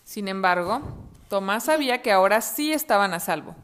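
A woman reading a story aloud to children in a gentle, expressive way and asking them questions. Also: mid-range voice, normal speed, smooth.

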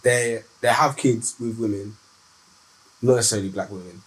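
A man with a London roadman accent in a casual personal chat, with halting, repetitive, laid-back slangy phrasing. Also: on the low side, steady tone, poor audio. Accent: London, urban multicultural street slang.

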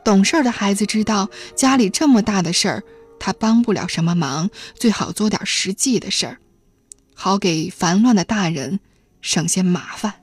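Female audiobook narrator, steady storytelling, faint background music. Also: medium pitch, normal speed, breathy edge. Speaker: audiobook reader. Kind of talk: novel narration.

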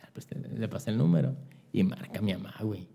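A young man with a Mexican accent, a radio announcer guesting on a podcast, telling anecdotes in a slangy, animated way and acting out the voices of the people in them. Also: fairly low pitch, a little fast, gravelly, slightly rough. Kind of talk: casual storytelling chat.

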